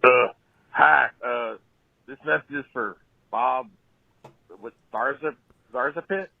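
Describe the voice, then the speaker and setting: A man leaving a joking voicemail over a landline phone, halting and full of "uh"s. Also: mid-range voice, gravelly. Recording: tinny phone voicemail line.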